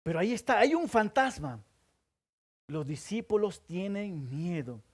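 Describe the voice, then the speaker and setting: A man, preaching a sermon to a congregation. He keeps asking the listeners questions and answering them himself, and he moves between loud emphasis and hushed low asides. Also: big pitch swings, a little slow. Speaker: pastor.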